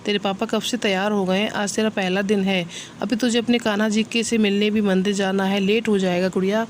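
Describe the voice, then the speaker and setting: A woman's voice: mid-range voice, fairly even intonation, a little hiss or hum, natural voice. Woman reading a fussing loving mother. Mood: fussy. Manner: hurried, doting.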